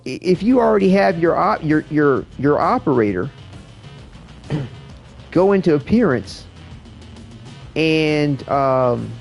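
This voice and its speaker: A man's voice: fairly high pitch, gravelly, a little mellow. A man giving casual gaming commentary in a rambling, slangy way, often repeating his words. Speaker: streamer showing a game to a viewer.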